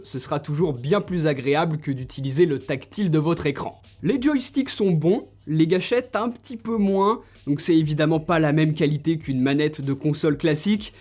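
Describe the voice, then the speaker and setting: Upbeat French tech reviewer, higher voice. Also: male voice, a little mellow. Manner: enthusiastic, direct, addresses viewers informally. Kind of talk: tech gift recommendations to camera.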